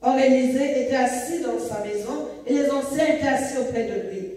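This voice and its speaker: High-voiced woman reading scripture, echoey hall. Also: warm tone. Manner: measured, declamatory reading. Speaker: scripture reader and interpreter. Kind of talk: reading scripture aloud in church. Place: large church hall. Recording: echoey hall, distant mic.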